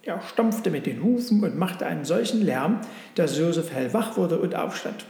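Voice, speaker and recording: A man reading a storybook aloud in a measured, gentle way. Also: a little high, animated. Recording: roomy with long reverb.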